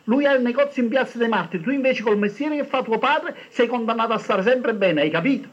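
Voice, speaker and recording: A man voicing a stern, poor mother who shouts shrilly at her son from another room, on a dull lo-fi recording. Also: extremely high pitch, fairly quick, pitched above the performer's own voice. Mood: scolding shout.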